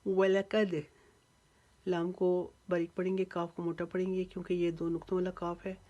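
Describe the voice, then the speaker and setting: A woman's voice: fairly low pitch, monotone, a little fast, mellow, lo-fi sound. A woman teaching Quran recitation rules step by step, patiently and methodically explaining how each sound is drawn out. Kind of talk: step-by-step tajweed lesson.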